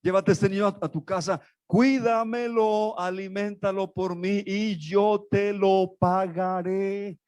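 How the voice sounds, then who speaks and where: A man voicing a kind Egyptian princess who gently gives orders to a servant. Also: sits high, fairly even intonation, slow pace, few pauses, smooth, voice pushed up. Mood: gentle.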